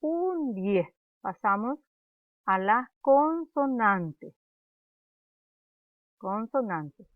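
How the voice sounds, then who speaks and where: A woman's voice: a little high, big pitch swings, no room sound. A woman teaching a primary-school language lesson, patiently reciting letters and syllables one by one for pupils to repeat. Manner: slow, patient, syllable-by-syllable dictation. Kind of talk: slow classroom lesson, drilling letters and sounds. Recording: dry tinny lo-fi recording.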